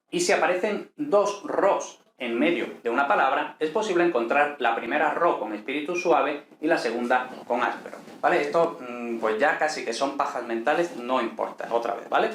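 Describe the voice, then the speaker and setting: Man, teaching, unhurried with tag questions, roomy echo, faint hiss. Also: medium pitch, a bit bright. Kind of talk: explaining ancient Greek lesson. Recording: echoey room with faint noise.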